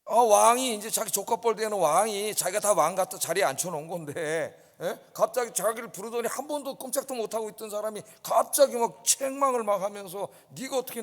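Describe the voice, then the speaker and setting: A male pastor preaching in a church and often asking "yes?" to keep the congregation with him. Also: high-pitched. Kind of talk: sermon. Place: church sanctuary. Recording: long reverb in a church hall.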